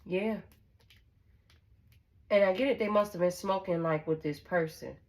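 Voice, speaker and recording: A woman's voice: on the low side, a little slow, darkish tone. A woman giving a casual tarot reading to her viewers. She is blunt, swears freely, repeats herself, and checks in with "okay?". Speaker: tarot reader.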